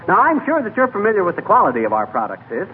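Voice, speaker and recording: A thin, hissy old radio recording carries an excitable, brash salesman. His slangy comic patter rises and dips with lots of swing. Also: high-pitched, quick pace, phone-quality sound. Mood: jaunty patter. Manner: folksy, blustering, slangy patter. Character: brash, excitable fast-talking male watch salesman. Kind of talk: 1940s radio comedy acting.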